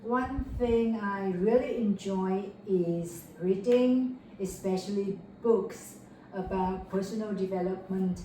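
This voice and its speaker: This test candidate is a young woman from Vietnam whose medium-pitched, mellow voice moves at a slow pace. Her practiced English comes with fillers and self-corrections during the mock exam. The room echoes, the mic is distant, and a little noise lingers.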